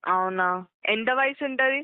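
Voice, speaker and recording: Over a tinny, narrow phone line, a customer care agent walks the caller through instructions step by step, repeating points and confirming she's been understood. Her voice is a little high and clean, her delivery unhurried, and the recording is dry.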